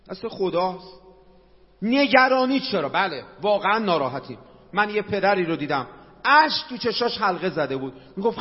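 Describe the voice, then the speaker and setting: Man, middle-aged, Qom Persian accent, preacher, fervent sermon, high lively voice, muffled lo-fi recording. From Qom, Iran. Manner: impassioned, rhetorical questions, Arabic quotations. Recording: dull lo-fi sound with long hall reverb.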